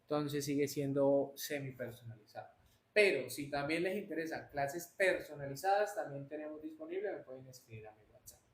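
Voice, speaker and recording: Hombre profesor de inglés, voz algo aguda. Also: male voice, on the high side, brisk. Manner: answers students by name, mixes Spanish and English. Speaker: English teacher. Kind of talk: live online class. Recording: roomy echo, faint noise.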